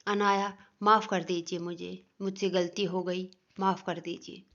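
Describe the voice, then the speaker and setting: A woman's voice: fairly low pitch, level tone, a little slow, fairly bright tone. A woman voicing a greedy, scheming young sister-in-law in a storybook family tale, sly and accusing. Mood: pleading. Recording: dull lo-fi recording.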